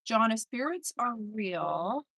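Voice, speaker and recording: A woman's voice: fairly high pitch, big pitch swings, takes it slowly, creaky, a bit bright, no echo, clean studio sound. A woman hosting a casual live stream spirit session, chatting to spirits and viewers by name and relaying replies aloud.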